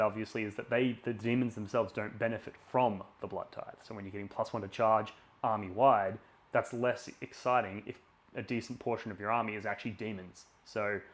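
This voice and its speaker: A man hosting a live stream in an informal, opinionated way, thinking aloud as he chats to viewers. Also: on the low side. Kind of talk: casual live stream chat, explaining tabletop game tactics and running a giveaway.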